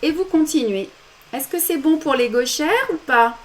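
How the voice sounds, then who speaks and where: A woman's voice: sits high, normal speed. A woman with a French accent giving step-by-step embroidery instructions during a live demonstration, with small self-deprecating asides. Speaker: embroidery teacher.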